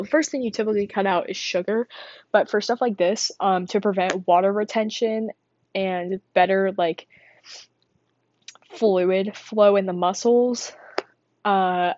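A teenage girl talks casually and a bit out of breath, her middle-pitched voice wandering from thought to thought with lots of fillers. The sound is dull and dry, recorded close in a small quiet space. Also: no echo. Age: teens. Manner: rambling, chatty, self-deprecating with frequent fillers. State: winded, out of breath. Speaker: student vlogger. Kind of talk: casual rambling monologue.

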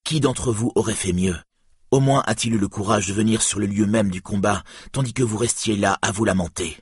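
A man's voice: on the low side, brisk, slightly rough, dry recording, studio quality. A man voicing a proud, wrathful hero warrior who commands and accuses, in an audiobook reading. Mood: commanding.

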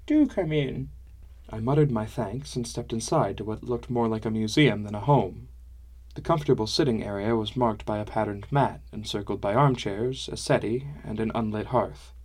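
A man reads a fantasy novel aloud in the first person. He keeps a measured, descriptive storytelling pace in a fairly low voice. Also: darkish tone. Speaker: audiobook narrator. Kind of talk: scripted first-person narration.

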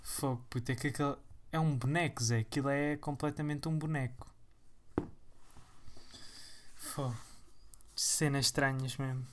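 A man's voice: mid-range voice, fairly even intonation, normal speed, pauses often, a little hiss or hum. A young man with a European Portuguese accent talks straight to his viewers in a loose vlog monologue. He rambles from one point to the next, full of slang and teasing mockery. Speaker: vlogger.

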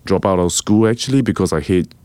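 A man's voice: low-pitched, animated, fairly quick, darkish tone, no echo. A middle-aged man from Singapore, a guest on a podcast, speaking in a reflective way and repeating words as he thinks. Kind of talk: casual interview.

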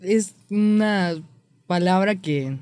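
A man's voice: high-pitched, takes it slowly, darkish tone, clean tone, no room sound. A man from Guatemala with a Guatemalan Spanish accent, co-hosting a podcast and joking while explaining slang with examples. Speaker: podcast co-host. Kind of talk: casual podcast chat.

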